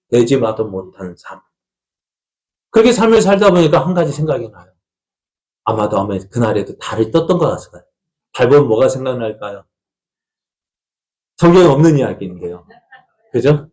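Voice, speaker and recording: A man's voice: mid-range voice, a little mellow. A man, the pastor, preaching a sermon, telling the story in a folksy way and asking the congregation one rhetorical question after another.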